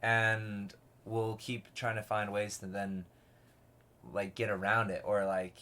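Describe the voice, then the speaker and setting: A man's voice: fairly low pitch, flat delivery, slow pace, pushed and bright. A man in casual podcast conversation, rambling and peppering his talk with "like" and restarts.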